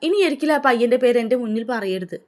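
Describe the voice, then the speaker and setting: A woman's voice: fairly high pitch, expressive, quick pace, a little mellow, lightly acted. A woman doing a scornful, arrogant rich father. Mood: angry. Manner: harsh and contemptuous. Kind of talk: storybook narration.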